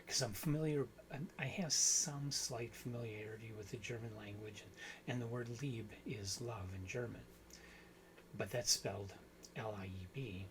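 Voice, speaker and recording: A man's voice: mid-range voice, normal speed, slight background noise, rough recording. Rambling man talking about books. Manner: rambling, self-correcting, thinks aloud. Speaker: book channel host. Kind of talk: casual book discussion.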